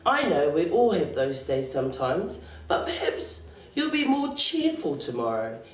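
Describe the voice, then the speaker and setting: Calm tired mum, as a woman reads her, patient and reasoning, faint hum behind. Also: deep voice, unhurried. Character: patient, weary mother. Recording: roomy, distant library recording.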